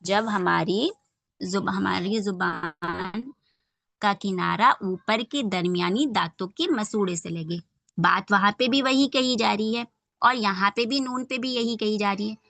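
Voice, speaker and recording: A woman's voice: mid-range voice, measured pace, gravelly, sharp tone, no echo. Woman teaching kids on a dry call. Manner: patient, checks understanding often. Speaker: online Quran recitation teacher. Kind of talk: online class explanation to children.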